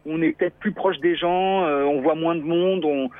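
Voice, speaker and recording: A man talking as a guest traveler in a radio interview, halting and thoughtful, with many restarts. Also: fairly high pitch, fairly even intonation. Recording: thin phone-like dry sound.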